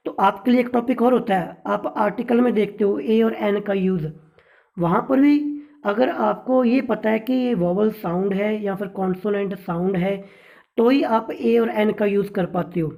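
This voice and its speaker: Male teacher, exam-prep lesson, mellow voice, explains step by step, checks in often. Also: sits high, normal speed, gravelly, rough recording. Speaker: English literature teacher.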